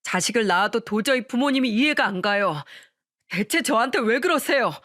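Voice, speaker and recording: A fed-up husband in a radio story, voiced by a woman who speaks sharply and firmly. The pitch moves in a lively way. The sound is dry and close. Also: normal speed, no echo. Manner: sharp, firm. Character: fed-up husband cutting off his mother.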